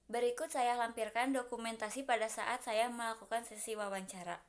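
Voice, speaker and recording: Young woman student reading her law assignment out loud, kinda high voice, trips on a word now and then. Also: brisk, noisy background. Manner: steady listing with small restarts. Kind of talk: reading a prepared class presentation.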